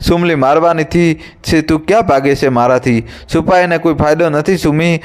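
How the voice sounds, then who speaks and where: A male narrator voicing a cruel, brutish village husband who speaks harshly and shouts. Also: a little high, moderate pace, natural voice. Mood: angry.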